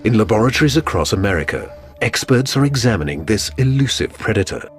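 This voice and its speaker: A man narrates a documentary in a low voice with lively, swooping intonation. His scripted delivery is dramatic, set over light background music. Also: quick pace.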